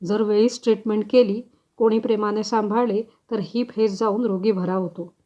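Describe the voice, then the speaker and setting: A woman reading a short story aloud in a measured, expressive storytelling manner, on a slightly dull recording. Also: medium pitch. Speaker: story reader. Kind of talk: audiobook story narration.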